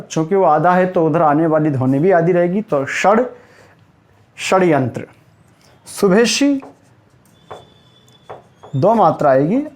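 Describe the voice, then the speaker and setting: A man teaching Hindi spelling to exam students at a whiteboard. He asks his own questions, answers them, and repeats each word slowly so it sticks. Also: sits high, a little mellow. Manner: calls listeners "sir" and "buddy" in a friendly way.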